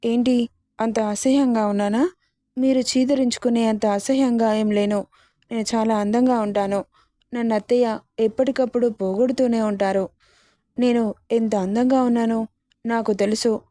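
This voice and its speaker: A woman's voice: fairly high pitch, steady tone, normal speed, long pauses, mellow, no echo, studio quality, lightly acted. A woman voicing a stubborn teenage bride. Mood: indignant. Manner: pleading and childishly defiant. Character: tearful, stubborn fifteen-year-old bride.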